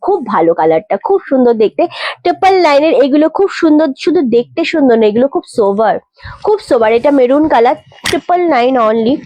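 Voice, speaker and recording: A young woman with a Kolkata Bengali accent, chatting through a live-stream sales pitch, urging viewers to book quickly. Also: big pitch swings, warm tone, no room sound. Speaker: saree seller on a live stream. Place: boutique shop.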